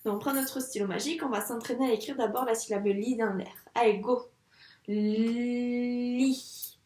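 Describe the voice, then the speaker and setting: A primary school teacher, a woman, guiding a young child through a handwriting lesson in a patient, encouraging way, saying each sound slowly as she writes. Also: on the high side, a little mellow. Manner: says sounds slowly while writing. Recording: echoey room, mic at a distance.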